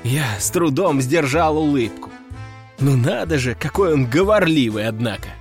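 A man narrating a first-person audiobook story in a wry, measured way. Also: on the high side, expressive. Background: faint music.

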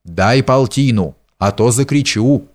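A man's voice: medium pitch, lively intonation, measured pace, close to an everyday voice. A man voicing a mischievous, devilish boy who taunts a band of robbers, teasing and jeering. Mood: taunting.

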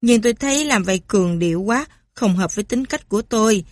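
A woman's voice: mid-range voice, lively intonation, quick pace, darkish tone, no room sound, natural voice. A woman voicing a serious, reserved mother speaking earnestly. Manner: earnest, self-deprecating.

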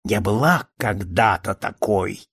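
A man's voice: fairly low pitch, gravelly, a bit bright, husky, no room sound, studio quality, pitched below the performer's own voice, exaggerated voice. A man voicing a ragged, grim and menacing old female spirit in a read-aloud story, hissing and drawing out his words. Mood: bitter. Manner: hissing, drawn-out, slow. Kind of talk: storybook reading.

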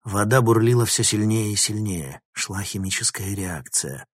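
A man's voice: lowish voice, normal speed, husky, no echo, studio quality. A man reading a dramatic story aloud as narrator. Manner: dramatic reading, animated phrasing. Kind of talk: audiobook narration.

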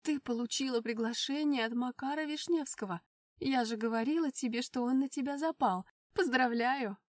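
A woman voicing the narrator's excitable young sister, who turns breathless and shrill when alarmed. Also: normal speed, no echo, studio quality, recorded from a distance, lightly acted. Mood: giddy.

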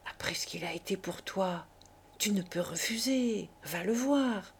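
A woman voicing a gentle, self-effacing older brother who speaks tenderly and softly. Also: mid-range voice, measured pace, slight background noise, close to an everyday voice. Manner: tender, soft-spoken.

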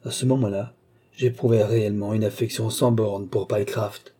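A man reading a story aloud as an audiobook narrator, with a measured, even storytelling manner. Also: fairly low pitch, slightly rough. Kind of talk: scripted narration.

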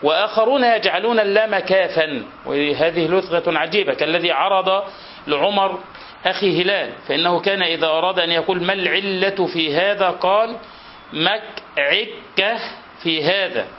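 A man's voice: sits high, fairly quick, lo-fi sound, a little hiss or hum. A man with an Egyptian accent, a sheikh teaching a classical literature class, who reads from the text and patiently repeats each example to explain it. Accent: Egyptian Arabic.

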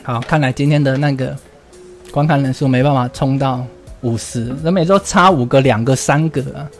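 A man's voice: mid-range voice, moderate pace, faint music behind. A man with a Taiwanese Mandarin accent hosting a casual livestream chat, blunt and ranting, swearing freely while answering viewers' comments. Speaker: livestream host.

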